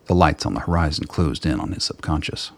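In a gravelly, husky voice that rumbles low, a man narrates a radio play from a script, keeping a measured and literary storytelling manner.

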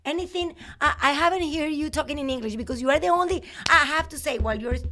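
A woman hosting a podcast, chatty and expressive in a casual conversation, sometimes dropping into English. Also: high-pitched, fairly quick. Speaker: podcast host.

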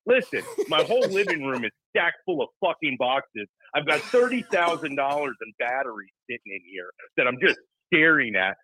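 A man with a husky, forceful voice and a fairly high pitch, ranting in a hot, profane rush. The sound is dry and close. He is a guest on a casual podcast, talking about his company's batteries. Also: big pitch swings, dry recording, poor audio. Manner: heated, profane, rapid ranting.

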